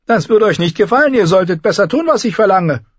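A man's voice: high voice, lively intonation, quick pace, no echo, dull audio, pitched above the performer's own voice. A man voicing a cruel, petulant teenage boy king who bullies and commands. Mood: sneering, bullying. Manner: sneering, bullying, commanding.

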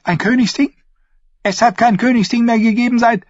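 A fat aging lord with a high, squeezed voice. He speaks in pressing questions. The audiobook recording is dry and dull. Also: expressive, moderate pace, a bit bright, slightly rough, no room sound, heavily acted. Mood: astonished.

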